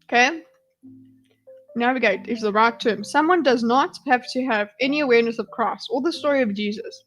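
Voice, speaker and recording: Woman, slightly high voice, casual reaction commentary, exasperated, blunt, swearing, faint music behind. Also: moderate pace, a bit bright. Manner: exasperated, pleading asides. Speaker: livestream host reacting to a debate.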